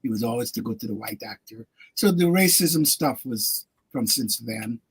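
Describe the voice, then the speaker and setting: A man's voice: medium pitch, lively intonation, moderate pace, breathy edge. An older man from Guyana, a guest on a radio talk show, telling stories reflectively with frequent laughs and fillers. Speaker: actor and guest. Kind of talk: radio interview storytelling.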